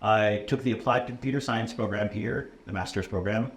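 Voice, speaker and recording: An American man in his thirties, a computer science instructor from the USA whose first language is English, speaks at a moderate pace in a lowish voice. He keeps things casual in a relaxed interview, with many ums and uhs and frequent "okay?" check-ins. Faint room noise and a roomy echo are audible.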